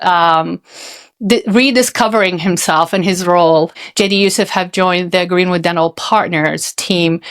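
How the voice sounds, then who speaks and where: A woman born and raised in Saudi Arabia, hosting a podcast in a measured, explanatory way. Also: lowish voice. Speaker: podcast host. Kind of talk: casual podcast chat.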